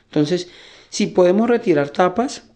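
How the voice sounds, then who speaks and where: A man's voice: sits high, expressive, moderate pace, warm tone. A man hosting a computer-maintenance tutorial, explaining step by step in a casual way and often checking that his listeners follow. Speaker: tech tutorial host.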